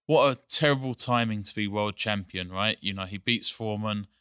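A man with an English accent, a guest on a podcast, talking in a measured, articulate way with frequent pauses to think. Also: lowish voice, bright, forceful tone, smooth, no room sound, studio quality. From England. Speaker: guest, energy company CEO. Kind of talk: casual podcast chat.

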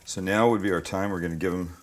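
Low-voiced man hosting a casual cooking show. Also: steady tone, fast talker. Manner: chatty, informal, opinionated cooking show host delivery. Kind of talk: casual cooking demonstration, talking viewers through steps. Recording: clear background noise with kitchen clatter.

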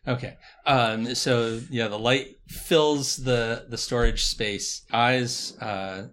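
A man casually narrating a tabletop role-playing game, haltingly, thinking aloud as he goes. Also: mid-range voice, fairly even intonation, a bit bright. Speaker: game facilitator and player.

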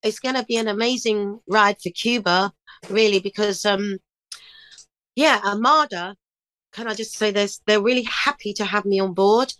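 A middle-aged woman, a singer and DJ, talks through her plans in a casual interview. She is chirpy and upbeat and tells her stories with animated energy. Her voice sits in an ordinary middle range and is recorded close on a dry mic. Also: medium pitch, moderate pace, dry recording, rough recording. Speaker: singer and DJ guest.

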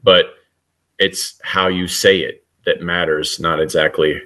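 A man's voice: low voice, steady tone, unhurried, sharp tone. A middle-aged man, a guest author, talking earnestly in a casual podcast interview with frequent restarts.

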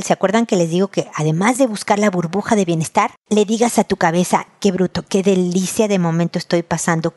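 Chatty advice host. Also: female voice, medium pitch. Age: middle-aged. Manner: warm, chatty and reassuring. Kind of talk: advice talk to a listener.

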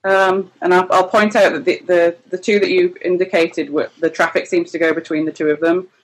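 Excitable high-voiced male tabletop player. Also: brisk, poor audio. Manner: excitable, laughs often, joking. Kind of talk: casual tabletop play.

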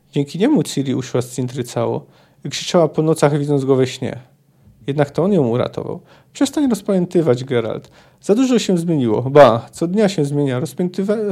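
A man's voice: fairly high pitch, mellow. A man reading aloud the lines of a male bard who insistently urges his friend to let the past go. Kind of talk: reading a novel's dialogue aloud.

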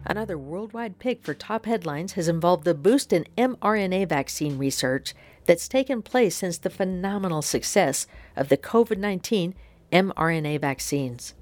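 A deep-voiced American woman presents scripted science radio news as host, with faint music behind her. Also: lively intonation, moderate pace, darkish tone, no echo.

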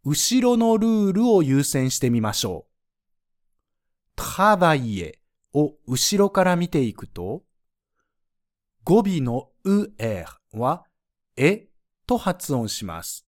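A man's voice: a little high, very animated, slow pace, pauses often, a little mellow. A man teaching French pronunciation in a scripted lesson, explaining the rules patiently and spelling out sounds one by one.

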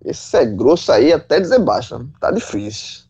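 A man, a football pundit in casual chat, animated, swearing and full of folksy analogies. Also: on the high side, normal speed, breathy edge, dull audio. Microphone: remote call.

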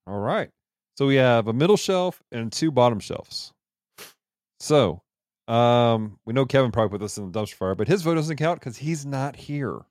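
Lively laughing podcast host man. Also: medium pitch, normal speed, no room sound, studio quality. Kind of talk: casual chat.

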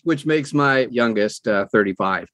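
A man in his sixties, an audiobook narrator appearing as an interview guest, talks conversationally and folksily, repeating phrases for emphasis. His mid-range voice is expressive and a bit bright, with a measured pace.

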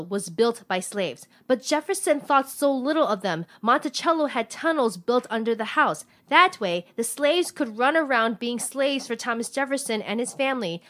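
A woman's voice: on the high side, fairly bright tone. A woman playing a blunt, indignant fourteen-year-old schoolgirl delivering a speech in an emphatic, outspoken way. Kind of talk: scripted comedy sketch, speech delivery.

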